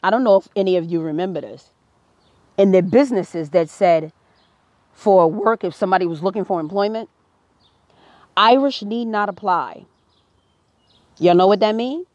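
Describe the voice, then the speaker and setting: A woman's voice: mid-range voice, fairly quick, mellow, dry recording. An American woman giving impassioned social commentary as a live-stream host, preachy and emphatic, talking straight to her viewers. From United States. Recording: dull lo-fi dry sound.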